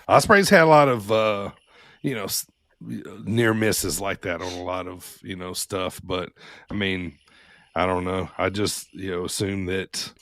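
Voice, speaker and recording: Podcast co-host: man with a lowish voice, casual and rambling, close dry mic. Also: a little slow, fairly bright tone, no echo. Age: adult. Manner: rambling, heavy on "you know" and swearing. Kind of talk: casual chat.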